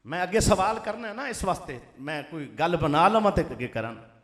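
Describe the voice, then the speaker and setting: A Pakistani cleric with a Punjabi accent preaching in a mosque, firing rhetorical questions at the crowd and swinging between loud and soft. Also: male voice, fairly high pitch, animated, normal speed. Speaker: Islamic cleric. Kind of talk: fiery sermon. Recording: echoey mosque sound system.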